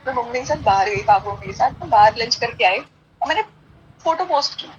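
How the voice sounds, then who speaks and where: A woman's voice: a little high, expressive, a little fast, highs cut off, a little hiss or hum. Chatty woman telling a family story. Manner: mixes English phrases into Hindi; acts out quoted dialogue, keeps asking "right?". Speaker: podcast guest. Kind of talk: casual storytelling chat.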